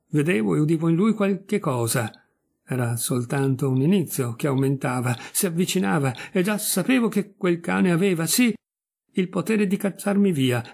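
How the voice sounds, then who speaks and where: A man reading a literary story aloud in a measured, serious narration. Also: fairly high pitch, creaky, a little mellow, husky. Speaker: audiobook reader.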